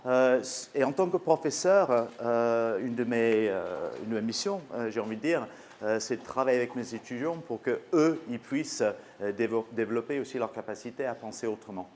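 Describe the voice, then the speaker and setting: A native English speaker with an English accent, this business school professor gives a conference presentation in French, hesitating often with fillers and restarts. His mid-range, somewhat dark voice moves at a normal pace with lively intonation, over a faint hiss or hum.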